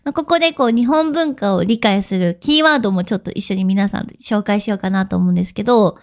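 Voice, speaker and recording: A woman's voice: medium pitch, fast talker. A woman from Japan teaching listeners in a casual, chatty podcast lesson, laughing often and asking them questions.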